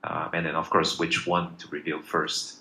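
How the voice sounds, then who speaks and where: A deep-voiced man from Malaysia fields questions in a loose live Q&A, stalling on "um" and restarting his sentences. His tone is bright and forward. The audio has a roomy echo and faint background noise. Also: completely flat delivery, normal speed. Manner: hesitant, many fillers and restarts. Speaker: project founder. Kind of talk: casual live Q&A answers. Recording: echoey room with faint noise.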